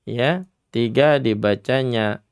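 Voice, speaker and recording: A man with an Indonesian accent teaching children Quran recitation on a radio program, patiently explaining each letter and chanting verses slowly as examples. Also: mid-range voice, clear, resonant tone, dry recording, clean studio sound. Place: radio studio.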